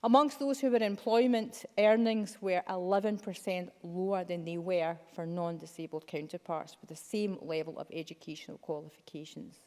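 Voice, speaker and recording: A woman's voice: fairly low pitch, steady tone, normal speed, few pauses, darkish tone. A woman giving a formal, emphatic speech as a member of parliament. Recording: long reverb of a debating chamber.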